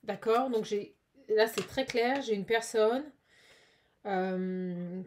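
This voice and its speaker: A woman giving a casual, chatty tarot card reading, animated and full of fillers. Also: mid-range voice, takes it slowly, slight background noise.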